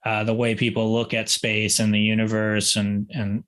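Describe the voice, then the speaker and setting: A man's voice: fairly low pitch, completely flat delivery, moderate pace, fairly bright tone. A male guitarist answering interview questions in a rambling, self-deprecating way with many restarts. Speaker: guitarist guest.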